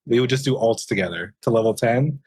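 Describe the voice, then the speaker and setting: A young man in his twenties on a gaming podcast, telling his story in a halting way with many ums. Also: medium pitch, darkish tone, breathy edge, no echo. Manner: halting, lots of ums and restarts. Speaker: podcast co-host. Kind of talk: casual chat.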